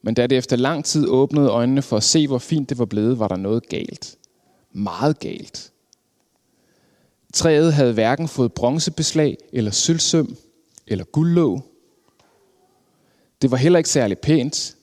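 A man reading a storybook aloud with expressive narration, slowing down for dramatic moments. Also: mid-range voice. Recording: long hall reverb.

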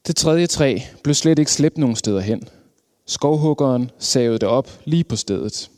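A man reading a storybook in an expressive way, easing down and slowing for the dramatic beats. His voice sits at a middling pitch. A long hall reverb hangs on every phrase. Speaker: narrator.

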